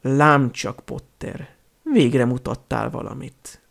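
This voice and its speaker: A man voicing a cold, sneering male potions teacher in an audiobook, speaking slowly in a hushed, menacing tone. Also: mid-range voice, vocal fry, lightly acted. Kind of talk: audiobook character reading.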